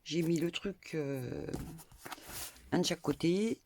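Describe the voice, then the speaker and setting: A woman's voice: low voice, takes it slowly, dark tone. An older woman, a grandmother, chatting her way through a crafting tutorial at home, rambling with many hesitations and small asides. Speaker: crafting vlogger. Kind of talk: casual crafting tutorial chat. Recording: faint background noise and clicks.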